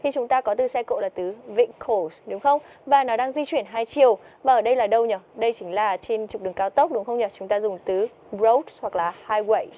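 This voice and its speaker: A woman's voice: a little high, fairly quick, few pauses, highs cut off. A woman teaching TOEIC vocabulary, who keeps asking her students questions and answering them herself. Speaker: English teacher.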